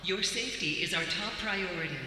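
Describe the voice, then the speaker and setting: Echoing mall loudspeaker alert, male voice. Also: high-pitched, faint music behind. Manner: calm, measured commands. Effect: mall public-address loudspeaker. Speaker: emergency alert announcer. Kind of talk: scripted emergency announcement. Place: shopping mall. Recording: echoey loudspeaker in a large hall.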